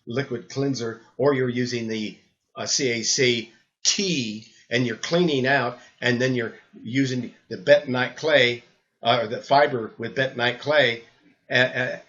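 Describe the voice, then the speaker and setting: An older man with a rambling, halting delivery who repeats words as he talks through supplements, recorded as old camcorder audio. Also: medium pitch, fairly bright tone, dull audio. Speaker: health supplement presenter. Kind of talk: rambling spoken talk.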